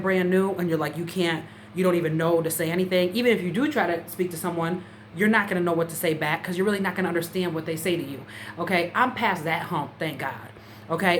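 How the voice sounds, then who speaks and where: Casual woman vlogger, fairly low voice, rambling with lots of fillers, slight background hiss. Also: a bit bright. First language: English. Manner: chatty, many "you know" fillers. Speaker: language-learning vlogger. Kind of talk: casual talk to camera. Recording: faint background noise.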